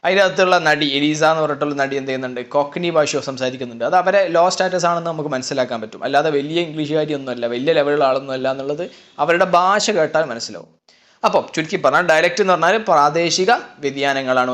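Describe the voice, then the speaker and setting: Brisk bright-voiced male tutor. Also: fairly high pitch. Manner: chatty, mixes English terms into explanations. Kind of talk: lecture explaining slides.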